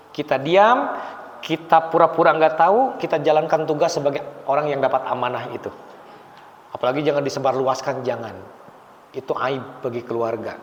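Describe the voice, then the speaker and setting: A man's voice: fairly high pitch, a little hiss or hum. Man teaching in an echoey hall. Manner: explains patiently, addresses the audience, recites Arabic slowly. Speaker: religious teacher. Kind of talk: mosque class on funeral rites. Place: mosque hall. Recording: echoey hall, dull lo-fi sound.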